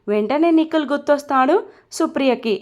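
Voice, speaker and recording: Woman reading a romance storybook out loud, high voice, tags every line with who said it. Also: brisk. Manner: reads dialogue with inline speaker tags. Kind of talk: scripted narration of a romance story.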